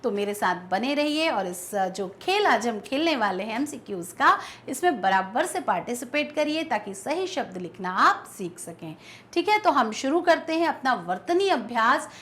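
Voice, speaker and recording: Woman doing an online grammar class, really lively, stretches out the example words. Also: sits high. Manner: patient, drawn-out pronunciation of example words. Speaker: teacher.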